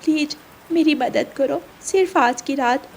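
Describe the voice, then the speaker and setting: A woman voicing a small, gentle mother sparrow in a cartoon, talking softly and pleadingly. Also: high-pitched, measured pace, noisy background, pitched above the performer's own voice. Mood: worried. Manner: pleading, soft-spoken.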